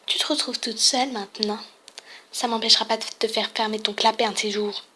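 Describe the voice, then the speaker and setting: A woman's voice: a little high, fairly even intonation, brisk, sharp tone, husky, pitched below the performer's own voice. A woman voicing a spoiled, mean teenage girl from a game, mocking and sneering.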